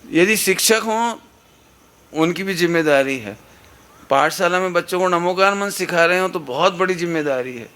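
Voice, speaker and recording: A man's voice: high-pitched, normal speed, pushed and bright. A middle-aged man preaching a sermon at a religious gathering on a microphone, earnest and instructive, asking the listeners rhetorical questions. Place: satsang gathering hall. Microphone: amplified microphone.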